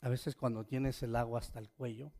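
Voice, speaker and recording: A man's voice: medium pitch, little pitch movement, a little fast, mellow. A man preaching a sermon, reading scripture aloud and asking his listeners pointed questions. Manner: asks the listeners questions, reads scripture with rising force.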